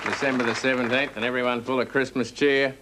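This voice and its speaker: A man playing a gloomy cynic who sneeringly lists holiday miseries in a TV comedy sketch, over loud audience laughter. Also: mid-range voice, quick pace, over a noisy crowd, very noisy, lightly acted. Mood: sardonic. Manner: sardonic, flat, listing miseries.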